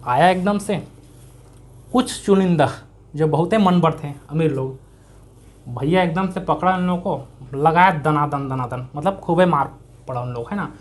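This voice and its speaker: A man's voice: a little high, a little slow. A man teaching an exam-prep history lesson in a conversational way. He asks his own questions, answers them, and repeats key words for emphasis, with a Chhattisgarhi-tinged accent. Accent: Chhattisgarhi-tinged Hindi.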